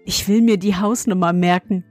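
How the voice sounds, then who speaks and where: A woman voicing a cheeky, sulky young schoolboy in a storybook reading, raising her voice high and defiant. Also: steady tone, moderate pace, darkish tone, soft background music, close to an everyday voice. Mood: eager.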